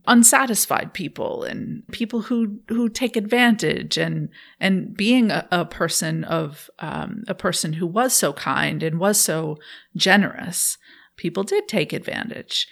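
A woman's voice: medium pitch, gravelly, a bit bright. A woman guest speaking thoughtfully in an interview, laughing often while she tells a personal story.

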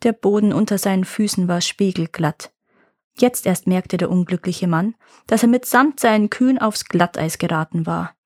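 A woman podcast host calmly narrating a short legend in a measured, scripted reading. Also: on the low side, no room sound, studio quality. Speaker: podcast storyteller. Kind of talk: scripted fairy-tale narration.

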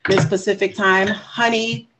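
A man from the US East Coast hosts a casual podcast with playful, animated energy. He jokes easily and breaks into laughter often. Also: high-pitched, a little slow, noisy background. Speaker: podcast host.

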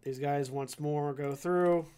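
A man's voice: fairly high pitch, fairly even intonation, takes it slowly, over a noisy crowd. A man acting as game master, casually narrating a tabletop game and ruling on turns.

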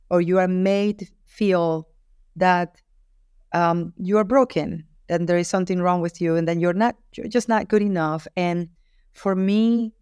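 An Ecuadorian author, a guest being interviewed, answers earnestly and reflectively, often restarting her thoughts. Her lowish, darkish voice is clear and resonant, captured in clean studio sound with no echo.

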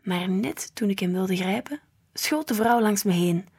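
Slightly breathy woman reading. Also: medium pitch, expressive, measured pace, a little mellow. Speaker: storybook reader. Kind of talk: children's book read aloud.

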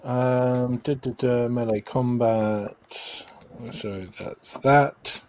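Slow-talking man at tabletop game. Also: medium pitch, fairly even intonation, darkish tone, a little hiss or hum. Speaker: player. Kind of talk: casual tabletop roleplaying chat.

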